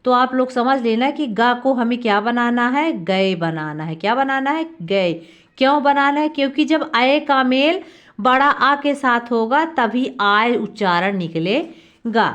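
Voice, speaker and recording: High-voiced woman teaching grammar. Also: measured pace, fairly bright tone. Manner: repeats questions and answers them herself, drawing out key sounds. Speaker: Sanskrit teacher. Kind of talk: classroom lesson explaining grammar.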